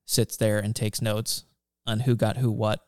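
A man's voice: fairly low pitch, flat delivery, measured pace, a little mellow, clean tone, dry recording, studio quality. A man in his thirties co-hosting a casual podcast chat, laid-back and rambling with restarts. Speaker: podcast co-host, father-to-be.

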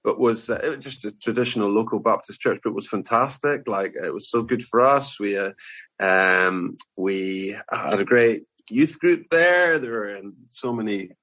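Highland Scottish man telling stories, slightly dull recording. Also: normal speed, fairly bright tone, no echo. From Inverness, Scottish Highlands. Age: early 40s. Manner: jokey, informal. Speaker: podcast guest. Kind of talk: casual personal storytelling.

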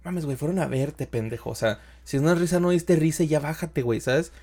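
A young Mexican man, a stand-up comedian, telling stories in a slangy, animated way and acting out what people said. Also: on the high side, fairly quick. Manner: animated storyteller, slangy, acts out quotes. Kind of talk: casual podcast chat.

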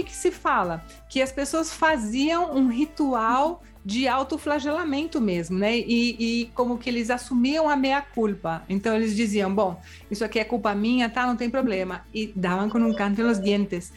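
A woman explaining language points in casual chat, with frequent tag questions and worked examples. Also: fairly high pitch. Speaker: Spanish language teacher.

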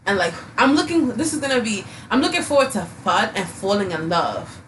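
A woman's voice: mid-range voice, big pitch swings, brisk, fairly bright tone, far from the mic, slight background noise. Sleepy woman podcast host, loose chat. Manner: loose, filler-heavy, playful teasing. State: tired, sleepy. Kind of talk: casual chat.

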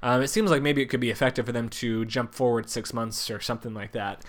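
A man's voice: mid-range voice, steady tone, fast. A man co-hosting a podcast with a congested, nasal voice, chatting casually and thinking aloud with many fillers. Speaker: podcast co-host. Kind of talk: casual chat about a TV show.

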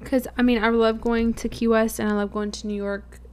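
A woman's voice: fairly high pitch, flat delivery, fairly quick, a little mellow, clear, resonant tone. Chatty young woman podcast co-host. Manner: chatty, self-mockingly dramatic. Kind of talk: casual chat.

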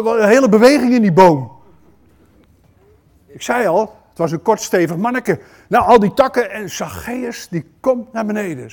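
A man preaching a sermon in a church service, animated and turning to the congregation with questions, moving between loud outbursts and hushed lines. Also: high-pitched. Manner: talks directly to the congregation with questions.

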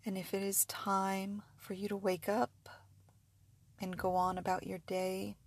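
A woman's voice: mid-range voice, monotone, unhurried, slightly rough, dry recording. A woman narrating guided sleep hypnosis like a sleep story narrator, in a soothing, repetitive, suggestive way.

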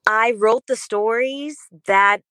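A young adult German woman, a children's book author, answers podcast interview questions as a guest with earnest, flowing enthusiasm. Her voice is a little high, slow and sharp in tone, with no echo.

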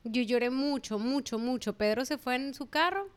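A woman's voice: sits high, normal speed, clean tone. A woman chatting casually as a mother, acting out little dialogues and laughing often. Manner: animated storyteller, acts out dialogue, laughs often. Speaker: mother talking about her son starting school. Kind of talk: casual chat.

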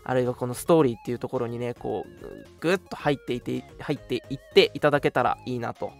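Over soft background music, a man with a medium-pitched, gravelly voice talks fast as he hosts a casual radio talk show. A host and scriptwriter, he makes announcements in polite phrasing mixed with friendly banter.

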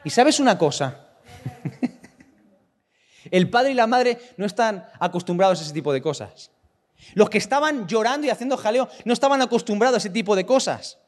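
High-voiced preacher in a reverberant hall. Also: male voice, expressive, moderate pace, pauses often. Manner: emphatic preaching with many rhetorical questions. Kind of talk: sermon. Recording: long reverb of a large room.

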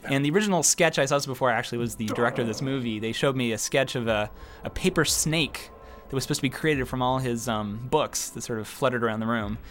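Fast-talking man doing casual film commentary. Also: mid-range voice, fairly bright tone, slight background noise. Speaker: film director giving commentary.

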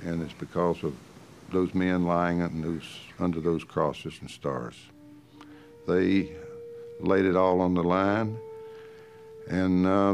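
An elderly male veteran with a very deep voice looks back in a documentary interview. He speaks haltingly as he remembers, with music clearly playing behind him. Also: a little mellow. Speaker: war veteran.

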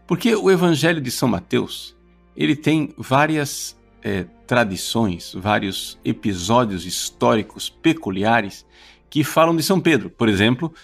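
A man, a priest, giving a daily homily in an earnest teaching tone with frequent filler pauses. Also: medium pitch, big pitch swings, vocal fry, husky, soft background music.

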